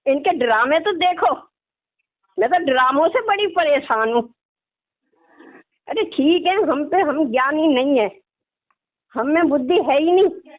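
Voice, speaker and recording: Animated yet a little slow, and leaving long pauses, this middle-aged woman has a high voice. She is a religious devotee calling in, chatting casually and complaining while tagging phrases with small questions. The phone line is tinny and narrow.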